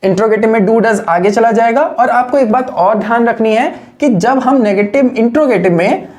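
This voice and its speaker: A woman teaching an English grammar lesson. She is patient, slows down to stress key phrases, and asks and answers her own questions as she explains. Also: fairly high pitch, darkish tone. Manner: addresses listeners as friends.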